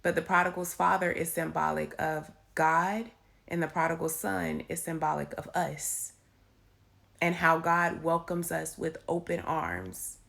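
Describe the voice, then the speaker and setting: A woman with a raspy voice giving an informal, emphatic devotional talk into her phone, repeating key phrases. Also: low-pitched, fairly even intonation, unhurried, a bit bright. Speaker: faith vlogger giving encouragement. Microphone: handheld phone.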